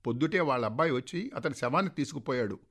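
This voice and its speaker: A man's voice: mid-range voice, lively intonation, fast, a bit bright. A man doing a gleeful, unhinged old father. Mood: eerily gleeful. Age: 60s. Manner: cheerful, laughing and rambling.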